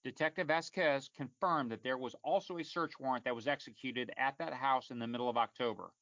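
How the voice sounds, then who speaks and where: A man hosting and narrating a true crime story from a script in a measured, formal, matter-of-fact way. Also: medium pitch, a bit bright, no room sound, highs cut off. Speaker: podcast host and narrator.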